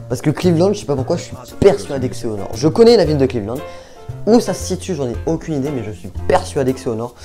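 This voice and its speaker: A man's voice: medium pitch, mellow. A young man chatting casually to his viewers while thinking aloud, hesitant and chatty. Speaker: youtuber. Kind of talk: casual vlog chat.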